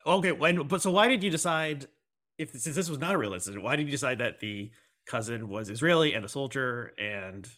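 A man's voice: medium pitch, expressive, brisk, sharp tone. A man interviewing a guest, asking long, hesitant questions full of ums and uhs. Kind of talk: casual interview.

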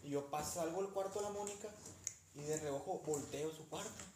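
Young Mexican man, podcast co-host, animated slangy storyteller; higher voice, echoey room, faint noise. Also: fairly quick. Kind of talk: casual storytelling chat. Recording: roomy, faint background noise.

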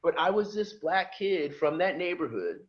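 With a voice that sits high and a moderate pace, a middle-aged man from just outside Philadelphia recounts his life on a podcast in a casual, chatty way. He's an energetic storyteller who voices the people he quotes, though the audio is dull.

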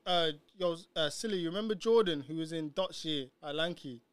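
A man's voice: on the high side, fairly quick, smooth, dry recording. A young man with a London accent in casual, slangy banter with friends.

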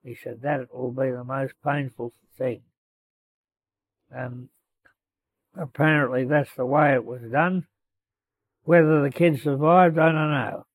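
A man's voice: medium pitch, steady tone, slow pace, long pauses, poor audio. An elderly Australian man, a war veteran remembering in an oral history interview, telling his story colloquially and voicing the dialogue. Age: 80s or older. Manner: colloquial, acting out quoted dialogue.

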